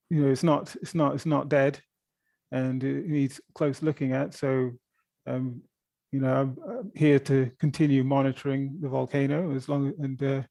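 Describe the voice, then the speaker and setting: A volcano observatory director fields press conference questions, answering off the cuff as an expert, hesitantly and with repeated words. His medium-pitched voice is warm with vocal fry, and the recording has no room sound.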